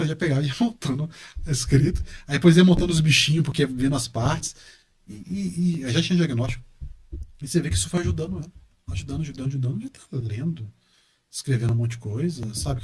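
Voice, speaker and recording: A middle-aged man with a Brazilian Portuguese accent speaks as a professor guest on a casual podcast. His voice sits slightly high for a man. He talks with animation and repeats words to stress a point. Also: darkish tone. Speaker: guest, university professor and engineer.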